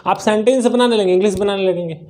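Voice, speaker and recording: Here the same kind of Hindi-language English lesson comes very fast: an Indian-accented man, his tone gentle and mellow though slightly high-pitched, quizzes his students and supplies the answers himself. Each important word gets repeated.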